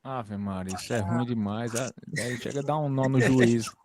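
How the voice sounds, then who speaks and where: A man's voice: medium pitch, steady tone, normal speed, a crowd in the background. A man on a video call asking questions about rhythm in a music lesson, with restarts and jokes. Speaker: music student. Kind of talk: casual questions in an online lesson.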